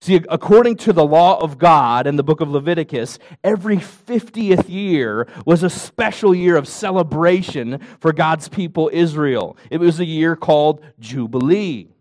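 Man, pastor, sermon, high voice, emphatic, asks the crowd questions. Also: expressive, normal speed, hardly any pauses, a little mellow. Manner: emphatic, asks the audience questions, jokes lightly.

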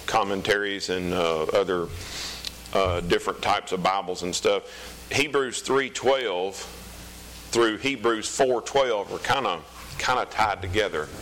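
Southern preacher man over clear background noise. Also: low-pitched, fairly bright tone. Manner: folksy, conversational, hesitant pauses. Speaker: pastor preaching to his congregation. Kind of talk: informal sermon with scripture reading.

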